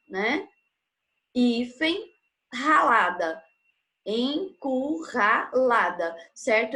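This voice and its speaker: A woman teaching a grammar lesson, patiently explaining and checking in with short tag questions. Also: a little high.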